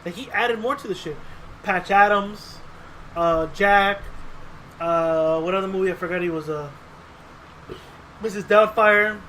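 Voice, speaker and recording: A high-pitched man co-hosting a podcast speaks a little slowly and pauses often, rambling casually with profanity. His storytelling is animated, complete with acted-out quotes. The audio is poor and has slight background noise.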